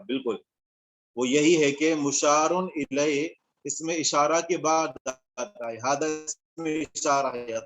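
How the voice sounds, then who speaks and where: A man's voice: mid-range voice, a bit bright. A man teaching an online Arabic grammar class, explaining step by step and checking in with his students.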